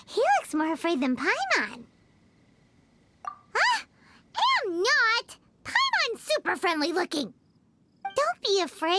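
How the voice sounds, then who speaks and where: A woman voicing a tiny, chatty, excitable female companion creature who refers to herself by name, in game voice acting over loud music. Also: very high voice, very noisy, full character voice. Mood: cheeky.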